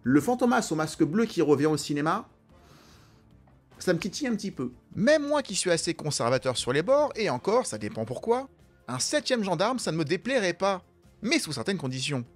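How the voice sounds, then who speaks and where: A man's voice: high-pitched, very animated, fairly quick, soft background music. A man hosting an enthusiastic, chatty, opinionated film commentary. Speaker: film video host.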